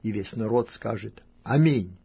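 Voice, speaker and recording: A man with a husky voice reading scripture aloud in a solemn style, declaiming with growing force and loudness on each curse. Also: mid-range voice, unhurried, no room sound. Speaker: scripture reader. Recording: dull lo-fi recording.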